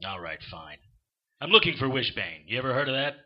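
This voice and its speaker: An actor playing a short-tempered, sardonic supernatural private eye, with a husky voice and wry hard-boiled delivery in a noir audio drama. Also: male voice, medium pitch, sing-song, a little fast, highs cut off. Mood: irritated, sarcastic.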